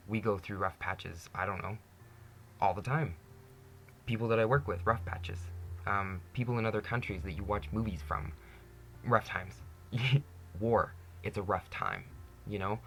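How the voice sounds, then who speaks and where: Low gravelly young man talking candidly. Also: fairly bright tone, slight background noise. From Canada. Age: 20s. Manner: earnest, candid, says "you know" constantly, laughs often. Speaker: vlogger. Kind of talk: personal monologue to camera.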